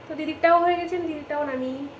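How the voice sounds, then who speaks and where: High-voiced chatty woman vlogger. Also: fairly even intonation, very fast, narrow, tinny audio, a little hiss or hum. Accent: West Bengal Bengali. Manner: chatty, talks straight to viewers. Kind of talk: casual home vlog.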